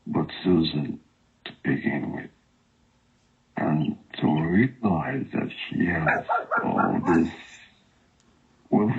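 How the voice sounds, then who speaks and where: Guy on a voice changer, super deep and gravelly, slow and halting, dull lo-fi call sound. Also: darkish tone. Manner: defensive, halting and pleading. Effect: voice changer, unnaturally deep and gravelly. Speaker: caller in an online romance. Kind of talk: phone call.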